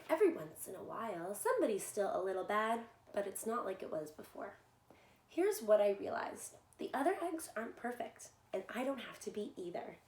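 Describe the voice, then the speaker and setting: In an echoey room with faint background noise, a woman with a mid-range voice reads a picture book aloud to young children. She is animated and expressive, often speaking directly to them with simple questions. She is both a children's story reader and a soccer coach.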